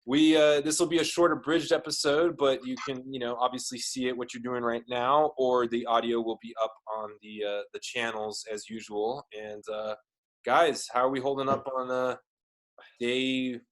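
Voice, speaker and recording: A man's voice: mid-range voice, little pitch movement, moderate pace. A man hosting a podcast over a video call, upbeat and joking, with lots of fillers. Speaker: podcast host. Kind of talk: casual chat.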